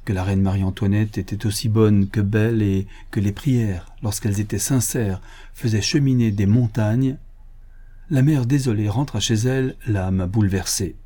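Dark husky male storyteller. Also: fairly low pitch, fairly even intonation, normal speed. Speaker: narrator. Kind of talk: storybook reading.

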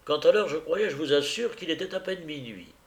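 A man's voice: on the high side, animated, brisk, voice pushed up. A man reading aloud as a troubled, rambling middle-aged widower. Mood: wistful.

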